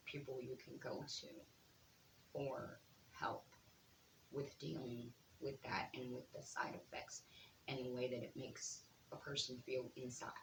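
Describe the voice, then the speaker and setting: A vlogger in their late thirties giving earnest advice straight to camera, speaking softly and pausing often with ums. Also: medium pitch, roomy sound, background noise. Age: 30s. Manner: soft-spoken, slow, with frequent ums.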